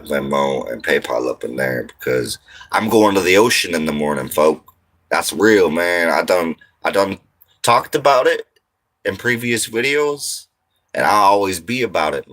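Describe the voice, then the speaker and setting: Hosting a casual livestream from his RV, a man from Montana in the United States reads viewer comments in a laid-back, slangy, rambling style. His voice is deep and a bit bright.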